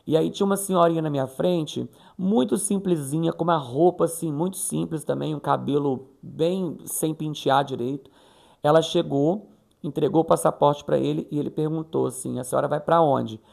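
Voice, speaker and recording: A man's voice: fairly high pitch, moderate pace, creaky, a little mellow. A man from Brazil chatting casually in a vlog, retelling a conversation and acting out the quoted voices. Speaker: vlogger.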